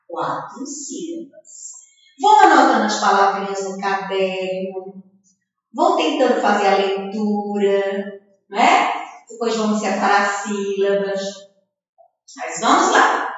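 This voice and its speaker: Woman, first-grade teacher, slow sing-song syllable drills, long echoing reverb, far from mic. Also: medium pitch. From Brazil. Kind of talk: remote reading lesson for young children. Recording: echoey room, far from the mic, dull lo-fi sound.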